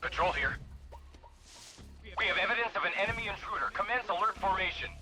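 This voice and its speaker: A man's voice: high voice, animated, fast, bright, forceful tone, faint music behind, full character voice. A man voicing an enemy patrol soldier in a video game, giving a clipped, urgent report over a crackly old field-telephone radio. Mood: alarmed.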